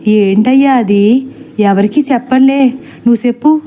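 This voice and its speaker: A woman's voice: on the high side, warm tone, natural voice. Woman playing a brash village wife. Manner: brisk, whispering secrets, rustic. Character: bold, gossipy village wife. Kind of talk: storybook acting.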